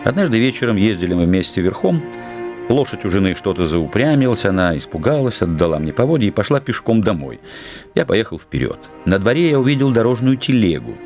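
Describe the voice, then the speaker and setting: A man narrating a classic story as an audiobook, in a measured, unhurried literary reading. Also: fairly low pitch, sing-song, darkish tone, faint music behind.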